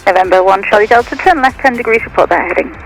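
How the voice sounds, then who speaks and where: A man's voice: sits high, fast, gravelly, faint music behind. A man working as an air traffic controller, heard over aircraft radio and speaking in clipped radio phraseology. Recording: noisy distant radio transmission.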